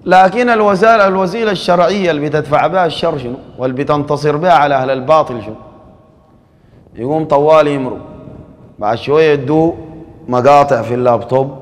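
A man's voice: a little high, fast talker, in a large hall. A man with a Sudanese Arabic accent giving a sermon in a conversational preaching style, acting out quoted dialogue.

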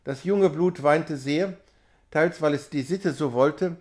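A man reading a classic novella aloud in a measured, expressive way. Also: fairly high pitch. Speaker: reader.

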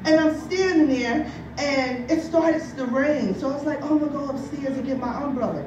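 Here a New Jersey stand-up comic in her forties works a live brewery taproom crowd with raunchy material, often tossing in "you know what I mean?" She speaks at a normal pace in a voice that sits high. The clip was filmed from far back in the audience, leaving it echoey and full of crowd noise.

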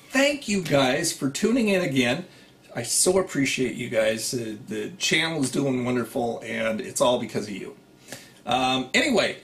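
Animated middle-aged man with a gravelly creak. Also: on the high side. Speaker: food review host. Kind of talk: casual review chat. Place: small room at home, on a couch. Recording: clearly noisy room recording.

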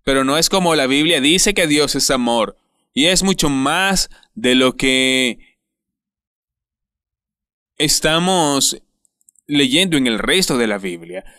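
Man, preacher, sermon voice-over, very slow, emphatic, bright tone. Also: medium pitch, expressive, no echo, studio quality. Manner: slow, deliberate, emphatic with repeated words.

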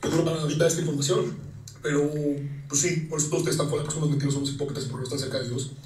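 Mexican man, high fast rant full of slang, distant echoey clip with faint noise. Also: steady tone, a little mellow. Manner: fast, coarse, slangy, acts out quotes. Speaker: comedian recounting a wedding fight. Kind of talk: ranting storytelling.

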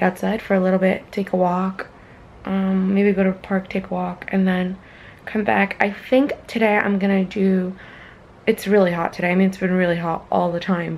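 A woman's voice: medium pitch, a little hiss or hum, poor audio. A young woman talking casually to a handheld camera as she vlogs her day, rambling with lots of fillers. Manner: chatty, rambling, many "like" and "um" fillers. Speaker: vlogger. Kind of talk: casual daily vlog narration.

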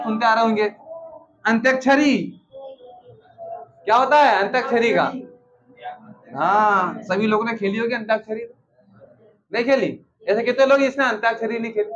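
A man teaching an exam-prep lesson, asking quick questions and answering them himself, checking in often with the listener. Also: extremely high pitch. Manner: drills with frequent "ठीक है ना" check-ins. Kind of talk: classroom-style lesson.

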